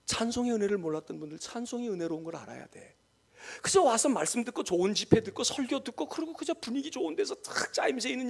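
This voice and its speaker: A male senior pastor preaching a sermon in a church. He is dramatic, swinging between loud exclamations and hushed whispers. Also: high voice, gravelly. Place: church sanctuary.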